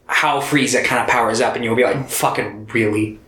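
A man's voice: mid-range voice, fairly even intonation, sharp tone, echoey room, slight background noise. Profane, laid-back male podcast co-host. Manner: loose, profane plot retelling, slipping into quick character voices. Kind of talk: casual chat.

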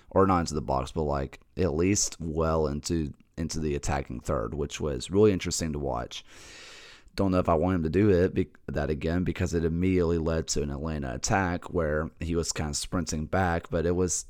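Hoarse, raspy, low-voiced man hosting a podcast. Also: a little mellow, no echo, studio quality. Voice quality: raspy voice, dropping at times into a whisper. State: hoarse, voice nearly lost. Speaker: podcast host. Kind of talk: casual sports recap commentary.

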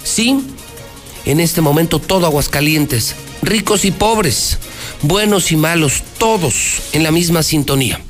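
Mexican showman newsman, high-pitched ringmaster delivery. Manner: ringmaster-like showman announcing, grand and drawn-out; bombastic, repeats phrases for emphasis. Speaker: radio news host. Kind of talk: theatrical radio news opening and commentary. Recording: music bed behind the voice.

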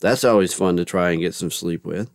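Deep-voiced rambling male podcast host. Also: brisk, gravelly, dry recording, clean studio sound. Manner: rambling, self-correcting, folksy. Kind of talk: casual commentary with scripture reading.

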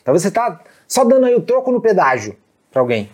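A man's voice: sits high, big pitch swings, quick pace, a little mellow. A man with a Brazilian accent co-hosting a podcast, reflecting and turning to speak to the listeners. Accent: Brazilian Portuguese. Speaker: podcast co-host. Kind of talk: casual podcast chat.

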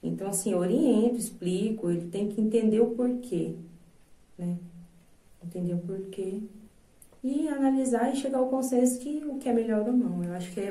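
A woman's voice: mid-range voice, warm tone. A Brazilian woman in her thirties, a singer and voice teacher, talking earnestly and reflectively in an interview, with lots of filler tags. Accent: Brazilian Portuguese. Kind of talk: casual interview chat. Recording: roomy sound from a distant mic.

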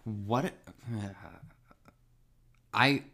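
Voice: medium pitch, very slow, gravelly, bright, forceful tone, husky. A podcast co-host in casual chat, talkative and swearing, full of "like" and restarts. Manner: chatty, lots of "like" and restarts, swears.

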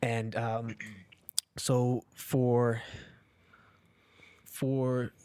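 A man in his early twenties, born in Peru and raised in New Jersey, speaking as a podcast guest in a measured, reflective way with frequent pauses. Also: mid-range voice, flat delivery, dark tone, clean tone, no room sound. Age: 20s. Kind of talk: casual interview chat.

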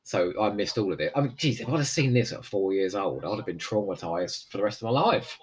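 A man, hosting a podcast in casual, joking chat. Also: lowish voice. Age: 40s. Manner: animated, joking, quick asides. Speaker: podcast host.

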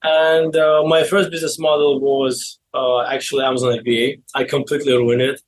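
A man in his twenties from Azerbaijan with an Azerbaijani accent, speaking halting non-native English as he tells his story casually in an interview. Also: mid-range voice, level tone, poor audio. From Baku, Azerbaijan. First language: not English. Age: 20s. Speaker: interview guest, e-commerce seller.

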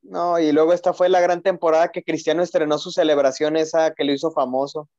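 A man's voice: fairly high pitch, little pitch movement, a little fast, a little mellow, no echo. A young man co-hosting a football podcast as an emotional fan, chatting casually and repeating his phrases. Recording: roomless dry, slightly dull lo-fi audio.

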